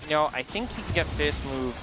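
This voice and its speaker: A man's voice: on the high side, expressive, fairly quick. A young British man casting a live esports match, joking and laughing through the play-by-play. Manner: playful banter, laughs often. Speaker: esports caster.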